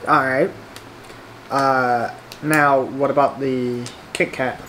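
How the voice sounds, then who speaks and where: A woman's voice: extremely low pitch, fairly even intonation, slow, fairly bright tone, a little hiss or hum. A woman hosting a casual taste-test video, easygoing and full of fillers. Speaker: vlogger.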